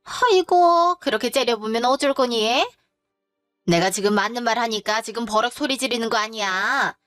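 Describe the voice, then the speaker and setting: A woman's voice: on the high side, normal speed, a bit bright, dry recording, faint music behind, close to an everyday voice. A woman voicing a domineering older mother-in-law who scolds her young daughter-in-law with contempt, in a spoken story. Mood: scornful.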